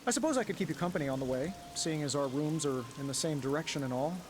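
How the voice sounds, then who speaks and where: An actor playing a wisecracking, nervously friendly superhero inventor in a game, with a glib, rambling, self-deprecating manner. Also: male voice, a little high, fast talker, background noise, lightly acted. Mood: wry, friendly. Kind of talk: casual game dialogue.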